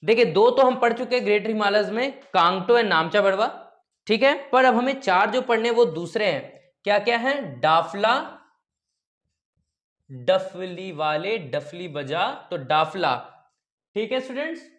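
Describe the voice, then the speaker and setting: A man's voice: high-pitched, lively intonation, normal speed, fairly bright tone. A man teaching a geography lesson. He is playful, uses joking memory tricks and keeps checking in with the students. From India. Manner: often checks in with "okay?".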